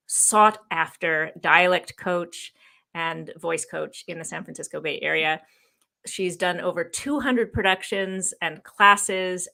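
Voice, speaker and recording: A woman co-host with a low voice and a gravelly, creaky edge. She moves from a formal guest introduction into upbeat, easy conversation and laughs readily. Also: a bit bright. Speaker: podcast co-host.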